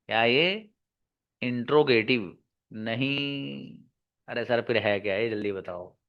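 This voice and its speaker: A man teaching English grammar in an online lesson, slowly repeating key words and answering his own questions for his students. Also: mid-range voice, lo-fi sound. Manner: calls listeners "babu" and "my friend".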